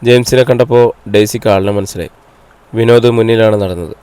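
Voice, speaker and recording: A man reading a novel aloud as an audiobook narrator, in a steady storytelling read on a close mic. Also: fairly low pitch, a little fast, smooth, dry recording. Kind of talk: scripted narration.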